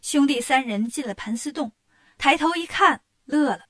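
A woman storyteller narrates a children's tale with lively expression. Her voice sits high and the recording is dry and close. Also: moderate pace, no echo.

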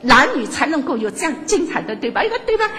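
Talking at a quick pace in a voice that sits high, an older woman delivers a lively talk to an audience. She laughs frequently and trips over fillers and restarts along the way.

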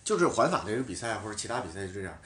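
A man casually telling a story from a bike race in a podcast chat, animated and swearing now and then. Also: fairly low pitch, rapid-fire. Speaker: professional cyclist guest.

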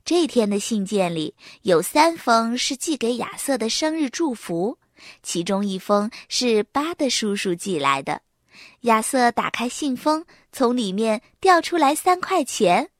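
A woman narrating a children's storybook in an expressive, storytelling way. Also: a little high, unhurried, no echo, clean studio sound.

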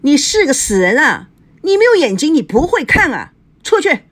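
A furious lady of the house screams hysterically with a wildly swinging pitch, as a woman reads her lines. She is loud and out of control in this spoken story. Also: very animated, moderate pace.

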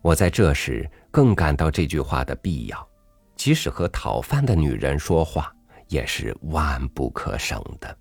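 A man narrating a literary story in a measured, reflective reading. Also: extremely low pitch, sing-song, gravelly, a little mellow, breathy edge, dry recording, soft background music.

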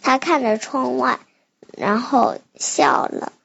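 A child of about nine works through a storybook aloud. The voice is high, the pace slow and halting. The sound is slightly dull and lo-fi. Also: very animated, creaky, fairly bright tone, slight background noise. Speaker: young student retelling a storybook. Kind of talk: reading aloud and translating sentence by sentence.

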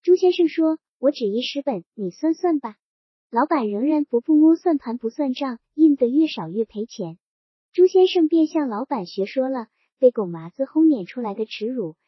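A woman narrating a novel in a measured, literary storytelling manner. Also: sits high, breathy edge, no echo. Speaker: audiobook narrator. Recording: dull, dry audiobook recording.

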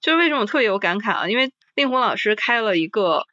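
A woman in a casual podcast chat about books, reading list items slowly and then commenting with sighing interjections. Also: medium pitch, expressive, pushed and bright, no room sound, lo-fi sound.

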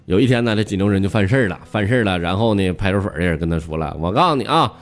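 A man's voice: deep voice, fairly even intonation, rapid-fire, a little mellow. A man with a Northeastern Chinese accent hosting a dialect stand-up show, telling jokes in a playful, chuckling manner. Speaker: comedy host.

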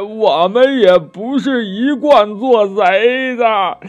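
A man's voice: high-pitched, dull audio, pitched above the performer's own voice. A man voicing a cowering captured bandit in a children's storybook reading, whining and stammering with many fillers. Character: cowering captured male bandit begging for mercy.

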